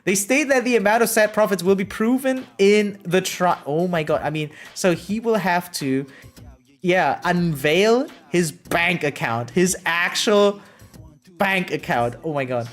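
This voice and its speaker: A variety streamer with a middle-pitched voice reacts casually over background music, alternating between reading aloud and chatting. The delivery is animated and exclamatory, a little slow, with frequent "right?" check-ins.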